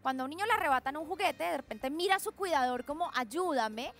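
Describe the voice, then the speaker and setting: A Colombian woman with a high, bright voice explains things animatedly as a guest expert on a talk show. She breaks into little parent and child voices to show examples. Faint music plays under her voice. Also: expressive, very fast.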